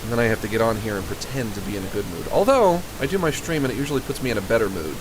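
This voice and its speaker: A man's voice: on the low side, animated, racing. A man chatting casually on a livestream in a rambling, joking way, with strong hissy sibilance from his studio microphone. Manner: rambling, joking, chuckles at own jokes. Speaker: video game streamer. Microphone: expensive large-diaphragm studio condenser microphone. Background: music.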